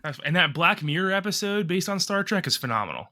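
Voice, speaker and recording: A man co-hosting a casual podcast, rambling and swearing through animated rants, still a bit congested from a cough. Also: sits high, fast talker. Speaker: podcast co-host.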